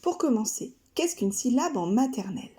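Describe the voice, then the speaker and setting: A woman from France, a kindergarten teacher narrating a scripted lesson, speaking slowly and carefully articulating each syllable. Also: fairly high pitch, sing-song, mellow. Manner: slow, carefully articulated, splitting words into syllables.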